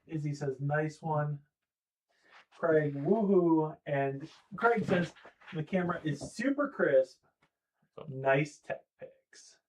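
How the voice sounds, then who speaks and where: A man's voice: a little high, slow pace, distant mic, low-quality recording. A man co-hosting a casual livestream, playful and reading out viewer comments. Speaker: livestream co-host reading chat. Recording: voice from away from the mic.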